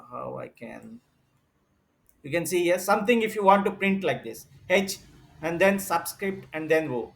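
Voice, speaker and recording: A man's voice: a little high, fairly bright tone. A man teaching an online computer class, explaining step by step with frequent fillers and repetition. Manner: explains step by step, repeats himself, many fillers.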